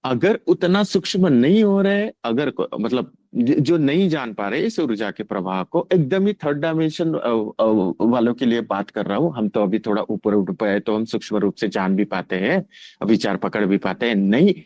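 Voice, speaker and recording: A man talks as a spiritual teacher in a calm, unhurried way, pausing and restarting as he explains. His voice sits at an ordinary middle pitch. The recording is close and dry, with no room sound. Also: dry recording. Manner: calm, halting, mixes English words into speech. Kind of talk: informal spiritual talk.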